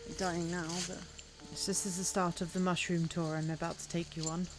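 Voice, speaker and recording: A woman's voice: fairly low pitch, flat delivery, fairly quick, over music. A woman chatting casually and enthusiastically as she narrates a country walk for a vlog. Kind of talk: casual chat.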